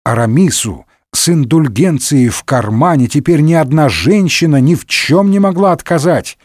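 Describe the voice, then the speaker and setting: A man reading a humorous story aloud in a lively, wry manner. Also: a little high, normal speed, no room sound, studio quality. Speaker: narrator.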